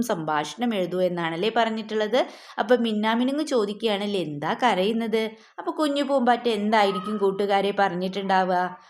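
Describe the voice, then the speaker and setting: A woman teacher going through a school question paper for young children, asking coaxing questions, answering them herself, and mixing English words in. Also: medium pitch. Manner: asks and then answers her own questions.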